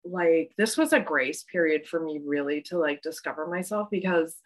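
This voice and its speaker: A woman's voice: sits low, lively intonation, moderate pace. Woman guest from western Canada, forties, casual and meandering, peppers talk with likes and ums. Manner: rambling, many ums and likes, laughs often. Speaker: podcast guest, dominatrix. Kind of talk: casual interview chat.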